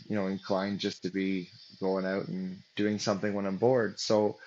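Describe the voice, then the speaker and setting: A man's voice: on the low side, muffled recording. A man as an interview guest, telling a story casually with many fillers and restarts, acting out what people said. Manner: rambling, many fillers and restarts, acts out quotes.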